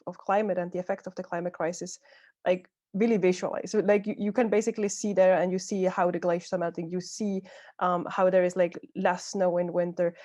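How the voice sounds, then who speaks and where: A woman's voice: lowish voice, warm tone. A young woman from Switzerland speaking on an online panel, hesitant and often repeating words as she searches for them. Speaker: youth climate advocate, panelist.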